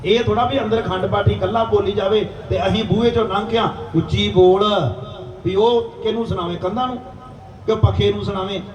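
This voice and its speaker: A man, preaching and telling a religious story in an animated way that slips into the voices of the people in it. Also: sits high, fairly quick, far from the mic, slight background noise. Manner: animated, preachy, plays quoted characters. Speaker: dhadi preacher. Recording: echoey live stage, heard from afar, faint ambience.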